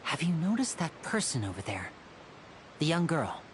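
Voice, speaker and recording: A smooth, playful young magician. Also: male voice, fairly high pitch, very animated, moderate pace. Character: charming young male stage magician. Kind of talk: game voice acting. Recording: noisy game audio capture.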